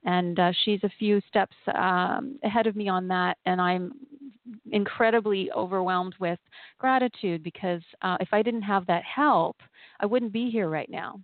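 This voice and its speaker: A woman hosting a spiritual podcast, speaking in a soothing, gentle, unhurried way with pauses, like a guide leading a meditation. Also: medium pitch, no room sound. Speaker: podcast host and channeling healer. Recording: thin phone-like sound.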